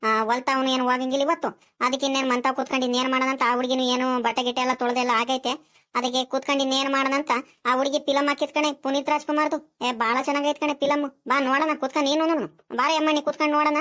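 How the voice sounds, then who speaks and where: A kindly old grandmother from a village cartoon, talking fast and coaxing with drawn-out fillers, as a woman puts her on. Her voice sits a little high for an older woman. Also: level tone, fairly bright tone. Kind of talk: cartoon voice acting.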